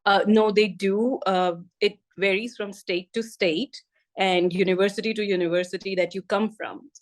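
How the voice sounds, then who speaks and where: A middle-aged woman from India with an Indian English accent, a physical therapist speaking as a podcast guest in a measured, steady way. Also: mid-range voice. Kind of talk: podcast interview.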